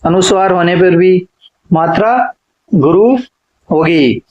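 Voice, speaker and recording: A man teaching an exam-prep lecture, stating each rule and then repeating it slowly, as if dictating notes. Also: high-pitched, lo-fi sound. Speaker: Hindi literature teacher.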